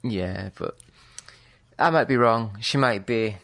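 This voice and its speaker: A man's voice: on the low side, slow, vocal fry. British guy co-hosting a podcast, chill and chatty, hedges a lot. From Britain. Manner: relaxed, chatty, hedging. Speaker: podcast co-host. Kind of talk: casual chat.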